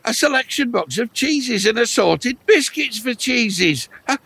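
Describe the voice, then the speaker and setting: A gravelly, dithering old man adrift in a boat. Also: extremely high pitch, expressive, sharp tone, dry recording, exaggerated voice. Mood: excited. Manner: slow, dithering and wistful. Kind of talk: children's audio story acting.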